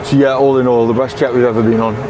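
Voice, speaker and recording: A man's voice: mid-range voice, quick pace. Chatty young man vlogging. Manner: excitable, swears casually, laughs often. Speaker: DJ and vlog host. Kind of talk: casual vlog chat to camera. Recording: clear background traffic noise.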